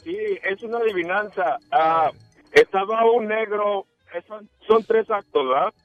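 A man's voice: sits high, unhurried, narrow, tinny audio, soft background music. A man telling a riddle on a radio show, hesitant and correcting himself. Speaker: guest joke teller.

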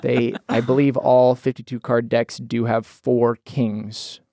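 A man in his twenties hosting a podcast, chatting casually in an animated, jokey way with plenty of laughter. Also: medium pitch, takes it slowly, no room sound, studio quality. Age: 20s. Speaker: podcast host.

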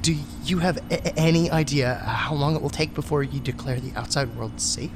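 A man's voice: fairly high pitch, normal speed, background noise, close to an everyday voice. A man playing an anxious, hesitant intellectual with a nervous stammer in an audio drama.

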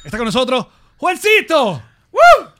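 A man hosting a comedy podcast, his voice pitched high and swinging up and down with every teasing question. He jokes around playfully with his guest. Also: expressive, a little fast, a bit bright, slight background noise. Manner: joking, teasing, playful interviewer. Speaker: podcast host. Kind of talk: casual comedy podcast chat.

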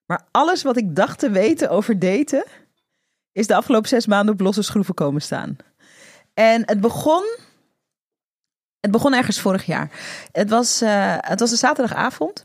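Woman, interview guest, candid storyteller, halting and reflective, middle pitch, dry close sound. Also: lively intonation, breathy edge, no echo. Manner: frank, reflective, with many hesitations. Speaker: guest, author. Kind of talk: personal storytelling in conversation.

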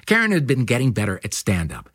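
A man's voice: medium pitch, wildly swooping pitch, fast, fairly bright tone. A man hosting a podcast, narrating scripted links in a wry, playful way. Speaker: podcast host.

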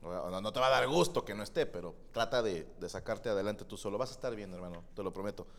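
A man's voice: lowish voice, fast, gravelly. A man with a Mexican accent co-hosting a podcast, reading listener messages and giving slangy but earnest advice. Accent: Mexican Spanish. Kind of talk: casual comedic chat. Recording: long reverb.

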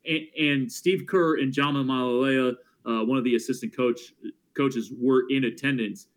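A team broadcaster appearing as a podcast guest breaks down basketball in a casual analysis chat. His medium-pitched, steady voice delivers a stat-heavy take with quick self-corrections.

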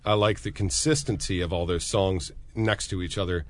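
Musician guy chatting about his record, low-ish voice, rambly and easygoing. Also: normal speed. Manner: relaxed, rambling with restarts. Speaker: musician guest. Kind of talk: casual interview chat.

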